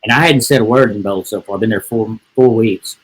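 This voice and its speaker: A middle-aged man with a lowish, slightly rough voice speaks a little fast on a low-quality recording. He's a real estate agent appearing as a podcast guest, telling a folksy, rambling story full of "and, uh" restarts in a casual way.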